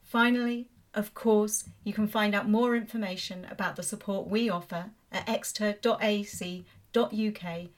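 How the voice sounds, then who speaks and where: A woman closes a podcast episode in a friendly, upbeat way. You can hear the smile in her voice, which sits at a middle pitch. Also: steady tone, moderate pace, hardly any pauses. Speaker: podcast host. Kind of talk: scripted podcast outro.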